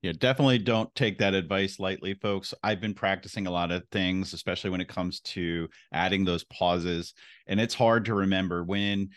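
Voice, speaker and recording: A man hosting a podcast interview, telling stories in an animated, conversational way. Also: sits low, moderate pace, no echo, studio quality. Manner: animated storytelling with examples. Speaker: podcast host.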